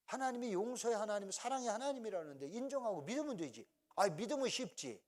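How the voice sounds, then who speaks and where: A middle-aged man preaches, weaving childhood stories into his sermon and laughing along with them. His voice sits a little high and swings widely, dropping to quiet, low tones when he mimics his mother and father. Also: big pitch swings, quick pace. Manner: storytelling, acts out parents' voices, laughs often. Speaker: pastor.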